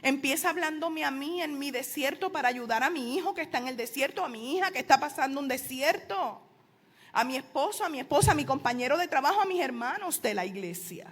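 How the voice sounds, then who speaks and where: High-voiced woman preaching. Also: lively intonation, brisk. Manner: preaching with emphatic rises and soft asides. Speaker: pastor. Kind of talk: sermon.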